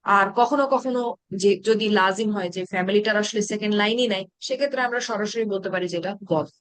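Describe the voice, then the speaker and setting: A woman's voice: mid-range voice, fast talker, no room sound. Bengali-accented woman teacher, patient, keeps asking the class stuff, dry close mic. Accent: Bangladeshi Bengali. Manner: explains patiently, asks students questions. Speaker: Arabic grammar teacher.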